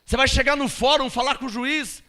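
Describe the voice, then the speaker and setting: A man's voice: very high voice, fairly even intonation, fairly quick, sharp tone. A man preaching a sermon, emphatic and full of rhetorical questions to his congregation. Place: church hall. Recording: long church-hall reverb.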